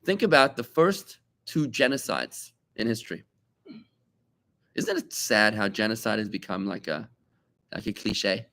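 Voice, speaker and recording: A man, a rabbi, teaching a Talmud class to students, animated and full of rhetorical questions, repeating key points for emphasis. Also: lowish voice, measured pace, vocal fry. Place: study room with students.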